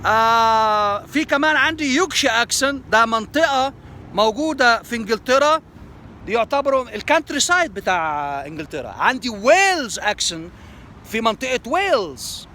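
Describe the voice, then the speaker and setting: An Egyptian man with an Egyptian Arabic accent teaches language skills in a lesson promo, explaining terms and repeating them in both Arabic and English. His extremely high voice is sing-song, pushed and bright, a little fast, with a slight hiss or hum.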